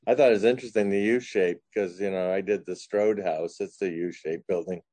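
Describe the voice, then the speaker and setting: A man with a low, mellow voice speaks up in a meeting, playful and pedantic, often restarting his sentences. The sound is dry and close. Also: fairly even intonation, brisk, dry recording. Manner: playful, pedantic, stumbling starts. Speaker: board member asking questions. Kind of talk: meeting discussion.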